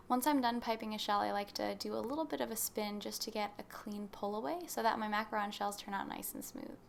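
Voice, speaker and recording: Gravelly-voiced woman guiding a baking recipe. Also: fairly high pitch, a bit bright, a little hiss or hum. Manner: friendly step-by-step instruction. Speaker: baking channel host. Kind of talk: scripted recipe voice-over.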